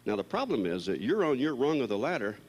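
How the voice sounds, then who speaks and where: A man, a psychologist, giving a blunt, animated storytelling lecture to a live audience. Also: mid-range voice, quick pace, breathy edge. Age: older. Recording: long hall reverb, recorded live.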